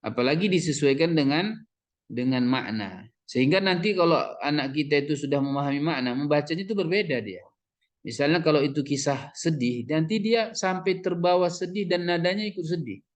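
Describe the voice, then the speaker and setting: A man's voice: a little high, brisk. Man lecturing on Arabic reading. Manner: explanatory, mixes Arabic terms into talk, many fillers.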